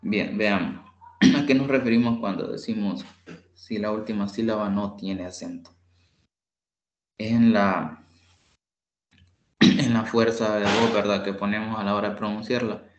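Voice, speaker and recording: A man giving a patient bilingual grammar lesson as an English tutor, repeating example words slowly. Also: on the low side, fairly even intonation, reverberant, lo-fi sound, a little hiss or hum.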